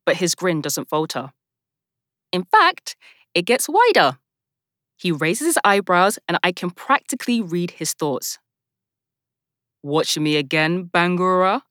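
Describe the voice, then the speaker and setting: A woman's voice: on the low side, sing-song, a little slow, fairly bright tone, dry recording, studio quality. A woman narrating a first-person teen novel with a wry, sardonic manner, voicing the characters herself. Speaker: audiobook narrator.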